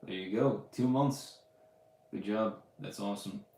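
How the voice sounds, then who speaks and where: Answering live questions on a casual podcast livestream, a man chats loosely with lots of fillers and restarts. His lowish voice is unhurried, creaky and mellow, and the room gives a roomy echo.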